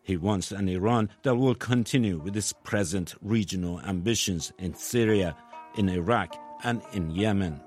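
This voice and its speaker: A man reads a scripted news report in a measured, grave tone. His voice sits low. Faint instrumental music plays behind him. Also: darkish tone, husky.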